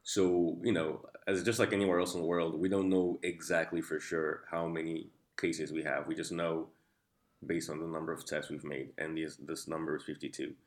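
Very deep-voiced man. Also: level tone, moderate pace. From Angola. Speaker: interview guest, founder of a nightlife and tourism company. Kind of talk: explanatory interview answers.

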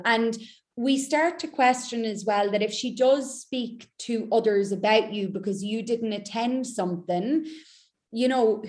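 A woman's voice: fairly high pitch, darkish tone. A woman speaking as a mindset coach in a podcast interview, making her points in short, emphatic, repeated sentences.

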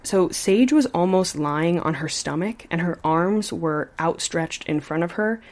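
A woman's voice: lowish voice, unhurried. A woman hosting a podcast, telling a true story in a casual, chatty way and sometimes adding "like.". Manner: animated, chatty, says like often.

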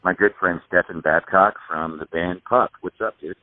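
Male host on a phone line, tinny and dry, lively and jokey. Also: low voice, normal speed, no echo, soft background music. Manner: jokey, laughs easily. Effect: over the phone. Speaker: podcast host. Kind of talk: casual chat.

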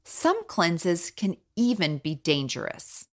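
A woman's voice: lowish voice, sing-song, takes it slowly. A woman hosting a podcast. She narrates a scripted story in a wry tone. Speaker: podcast host.

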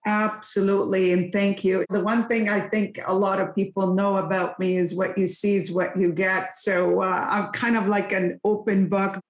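Woman, 50s, earnest and open, talks steady and even, bit of room echo. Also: medium pitch, normal speed, few pauses. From Lebanon. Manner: candid and earnest, speaks with conviction. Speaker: guest, company executive. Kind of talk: personal storytelling in a podcast interview. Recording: roomy echo.

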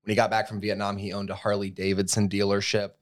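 A man in his thirties from the United States, co-hosting a podcast with a fairly low voice. He tells a story in an easygoing, conversational way, full of fillers and restarts. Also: monotone, fast talker. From USA. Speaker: podcast co-host. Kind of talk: casual chat.

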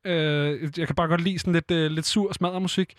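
A man's voice: on the high side, steady tone, no echo. A male radio host chatting casually in the studio and presenting music, with many filler sounds.

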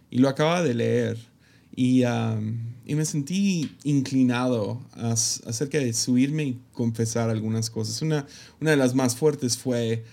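A man who is a pastor, telling a personal story to camera in a reflective, halting way with many fillers. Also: medium pitch, creaky, darkish tone. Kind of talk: casual personal testimony to camera.

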